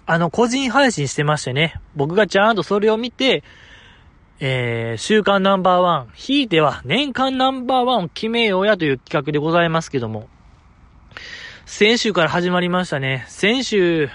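A man with a fairly high voice talks alone into a close mic, loose and chatty, cracking jokes and poking fun at himself. The sound is dry and close, with no room around it. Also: a bit bright, no room sound. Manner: joking, self-mocking, chatty. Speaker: podcast host. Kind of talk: solo casual chat.

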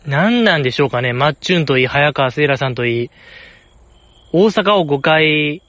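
Speaking alone in a slightly high, bright voice, a young Osaka man rambles through a casual chat, animated yet playfully earnest, at a moderate pace. He has an Osaka accent, and there's no echo.

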